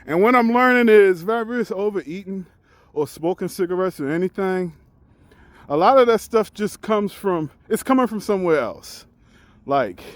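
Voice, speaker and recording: Walking as he talks, a truck driver in his forties shares candid reflections in a fairly high voice, vlog-style and casual. He restarts sentences while working out his thoughts. The sound is close and dry, with little room and no echo.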